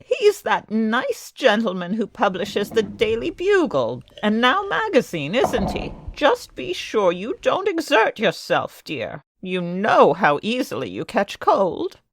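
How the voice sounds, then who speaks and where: A woman's voice: a little high, wildly swooping pitch, slow, hardly any pauses, full character voice. A woman voicing a doting, fussy elderly aunt in a comic book dub, with a motherly, fussing manner. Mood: fussy, caring.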